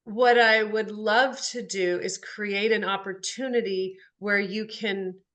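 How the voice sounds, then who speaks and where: A woman's voice: mid-range voice, fairly even intonation, takes it slowly, a bit bright. A woman hosting a spiritual podcast, talking earnestly about soul, energy and healing. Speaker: podcast host.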